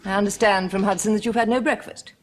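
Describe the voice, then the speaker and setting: An actress playing the aristocratic mistress of a household in a period television drama. She gives crisp upper-class orders and then gentle reassurance. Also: mid-range voice, fairly even intonation, fast talker, slight background noise, natural voice. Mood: stern. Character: aristocratic lady of the house, firm yet kindly.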